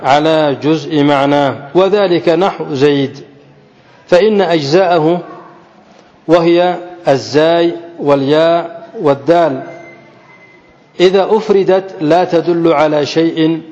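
A man teaching a classical grammar text to a class, often asking his students questions and slowly repeating key phrases. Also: on the high side, darkish tone. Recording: dull audio with long hall reverb.

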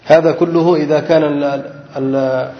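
A man teaching a grammar lesson who keeps pausing to have his students fill in words. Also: a little high, fairly even intonation. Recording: dull lo-fi recording with long reverb.

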